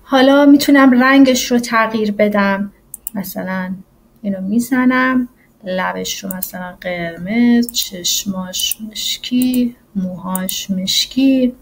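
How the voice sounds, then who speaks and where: A woman English teacher walking through a software tutorial in a casual, explanatory way, often pausing on "uh". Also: medium pitch, a little hiss or hum. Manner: casual and explanatory, with frequent "uh" fillers. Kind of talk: screen-recorded software tutorial.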